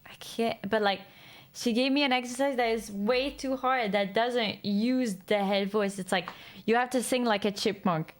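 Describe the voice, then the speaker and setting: A woman chatting casually with her viewers, rambling, lively and laughing often. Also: a little high, moderate pace. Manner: speaks in a lively way. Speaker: streamer.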